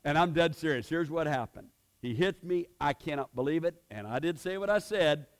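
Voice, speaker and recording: A middle-aged man preaching a sermon in a fairly high voice. He tells his story in a chatty way. He drops to quiet asides, then bursts out loud to stress a point. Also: animated, moderate pace, clean tone. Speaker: pastor.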